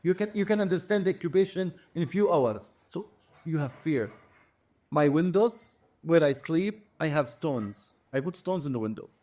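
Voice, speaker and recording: A man in his forties speaks with a Palestinian Arabic accent, his voice sitting a little high for a man. He gives earnest, emphatic testimony in an interview, setting out his points one by one and often repeating words as he finds them. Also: lively intonation, normal speed, mellow. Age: 40s. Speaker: activist interviewee.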